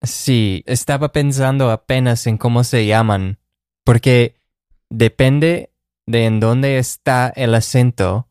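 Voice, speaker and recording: A man co-hosting a conversational Spanish lesson podcast, calmly offering tips and examples. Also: mid-range voice, slow pace, smooth, no echo, studio quality. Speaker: co-host of a language podcast.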